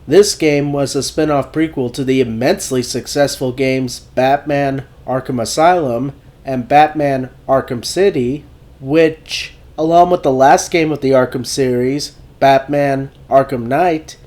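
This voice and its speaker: A man recovering from a cold presents a video essay, narrating a scripted game review with measured deliberation. His voice runs a little high but carries a darkish tone.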